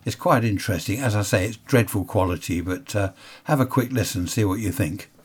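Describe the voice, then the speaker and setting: A man's voice: on the low side, a little fast, slightly rough. A man presenting archive material in a casual, informal way. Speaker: presenter introducing an archive recording.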